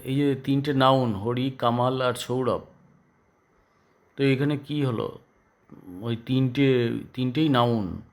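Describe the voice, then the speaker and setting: Male teacher, Bengali accent, unhurried classroom delivery with frequent pauses and repeated words. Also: mid-range voice. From West Bengal, India. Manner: slow, halting, repeats words for pupils. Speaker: school English teacher. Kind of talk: classroom grammar lesson.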